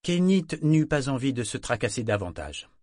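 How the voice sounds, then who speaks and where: A man narrating an audiobook in a calm, measured reading style. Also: mid-range voice, no room sound, studio quality.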